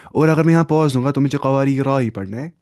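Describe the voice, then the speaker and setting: A man's voice: mid-range voice, a little mellow, no room sound, studio quality. A man teaching Quran reading in a live online class over a video call, patient and repeating each term. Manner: patient, explains by repeating terms. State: sleepy.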